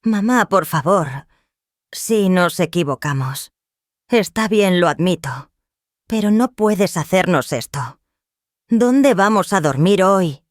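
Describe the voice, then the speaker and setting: Woman voicing a desperate grown son, pleading, near tears, raised pitch, dry sound. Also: animated, slow pace, dry recording.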